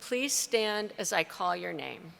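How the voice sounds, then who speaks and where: Middle-aged woman, university provost, gravelly voice, formal ceremony announcing, long hall reverb. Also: lowish voice, animated, fairly bright tone. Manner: formal, deliberate reading of names. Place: large ceremony venue. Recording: reverberant hall with faint crowd and noise.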